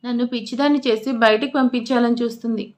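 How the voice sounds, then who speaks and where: A bossy, crude old grandmother, played by a woman narrator in an audio storybook. She snaps and scolds in coarse, quick retorts, her voice sitting a little on the high side. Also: fairly even intonation, darkish tone, close to an everyday voice. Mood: scolding.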